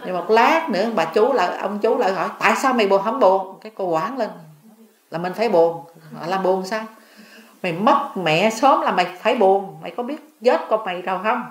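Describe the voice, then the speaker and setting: A woman's voice: mid-range voice, expressive, fairly quick, echoey room. An older woman, a Buddhist nun, giving a dharma talk, telling stories and asking her listeners questions. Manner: storytelling, asks listeners questions.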